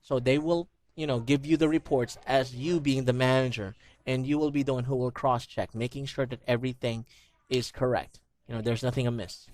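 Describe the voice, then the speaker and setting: A man's voice: medium pitch, fairly even intonation, a little fast, darkish tone. A man teaching a one-on-one English lesson over a video call, patiently explaining words with everyday examples and many "you know"s.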